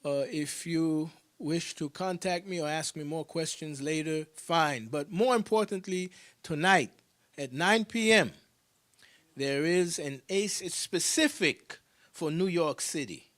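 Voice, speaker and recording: A man's voice: on the high side, unhurried, a bit bright. A man minister giving casual church announcements, chuckling and stopping often to fill with "you know". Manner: casual, chuckling, full of fillers.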